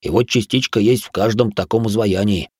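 A man's voice: fairly low pitch, a little fast, a little mellow, husky, no room sound, studio quality. A man voicing a jumpy, superstitious male raccoon spirit who talks nervously and hisses in alarm. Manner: nervous, hissing, fearful.

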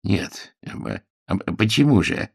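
Storybook character: a slow, earnest, insistent man, low and gravelly, read by the male narrator. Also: lively intonation, no room sound, clean studio sound, exaggerated voice. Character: shy, gun-proud man, slow and earnest.

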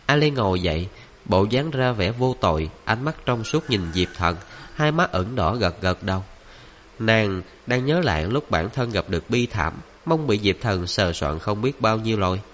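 A man narrating a fantasy novel in a steady, even reading voice. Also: on the low side, moderate pace, a little hiss or hum.

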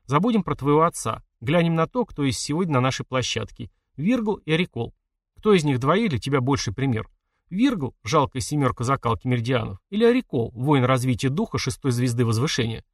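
A man's voice: mid-range voice, sing-song, brisk, no echo, clean studio sound, distant mic. A man reading an audiobook, voicing a sarcastic young male hero who mocks and needles his friend. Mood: needling. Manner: mocking, needling.

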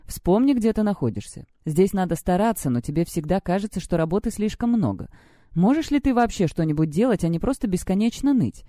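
A woman reading an audiobook, voicing a furious teenage girl witch student who shouts insults. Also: medium pitch, expressive, brisk, no room sound, studio quality, lightly acted. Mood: raging.

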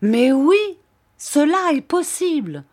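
A woman reading aloud who voices an excitable young English male inventor, exclaiming in loud, feverish outbursts. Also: lowish voice, slow, dry recording, studio quality.

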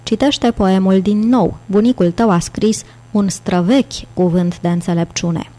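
A man's voice: sits high, steady tone, warm tone, lightly acted. A woman reading the lines of an eager, exclaiming elderly British male scholar in an audiobook. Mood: coaxing.

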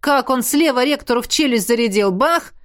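A woman voicing a bony, freckled red-haired young man who talks with excitable energy, in an audiobook. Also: fairly high pitch, a little fast, voice pushed up, close to an everyday voice. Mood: excited. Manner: hesitant, then excitable. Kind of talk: audiobook character voice.

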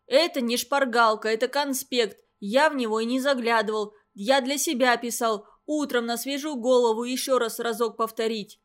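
A woman's voice: fairly high pitch, steady tone, normal speed, hardly any pauses, lightly acted. A woman voicing a sneaky, ringing-voiced boy who is the teacher's pet and whines when accused. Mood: whiny shrill.

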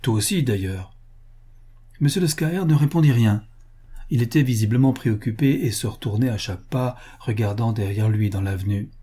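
A man narrating a classic novel as an audiobook in a measured, even reading voice. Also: medium pitch, slightly rough. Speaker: audiobook reader.

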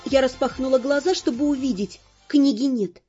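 Woman audiobook narrator, high but mellow voice, expressive first-person reading, dull recording with faint music. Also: moderate pace. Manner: lively, expressive.

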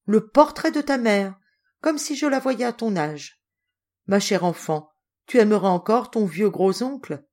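A woman voicing an affectionate, gruff old Russian general in an audiobook, in a hearty, animated way. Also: mid-range voice, a little slow, lightly acted. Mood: fond, hearty.

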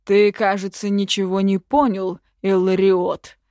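A woman voicing a domineering, cruel male emperor who gives slow, loud, imperious commands. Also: mid-range voice, little pitch movement, no room sound, studio quality, natural voice.

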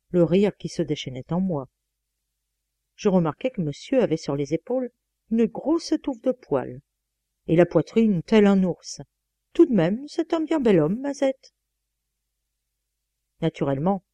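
A woman reads a first-person novel aloud in a lively, exclamatory storytelling style. Her voice is mellow and on the darker side. The close microphone gives a dry sound with no room echo. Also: fairly low pitch. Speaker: audiobook reader.

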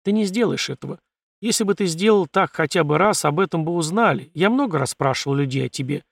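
A man's voice: fairly high pitch, lively intonation, fast, vocal fry, no echo, clean studio sound, voice pushed up. A man voicing a suspicious, whiny little male desert scavenger who grumbles and pleads. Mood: grumbling.

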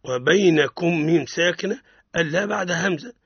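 A man with a Tunisian Arabic accent teaching the rules of Quran recitation on the radio, explaining each rule, quizzing his student and chanting verses slowly. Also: a little high, fairly bright tone, breathy edge, dry recording, lo-fi sound.

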